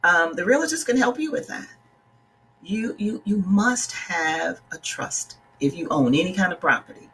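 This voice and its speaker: A woman's voice: on the low side, lively intonation, unhurried, a bit bright, a little hiss or hum. A middle-aged woman from the Bahamas, a life coach talking casually to her live-stream viewers in an earnest, direct way and greeting them by name. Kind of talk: casual livestream talk.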